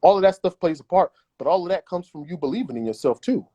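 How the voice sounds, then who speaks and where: A man's voice: high-pitched, expressive, quick pace, dark tone. A man as an interview guest giving emphatic, repetitive advice in a casual chat. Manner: emphatic and repetitive, acts out imagined voices.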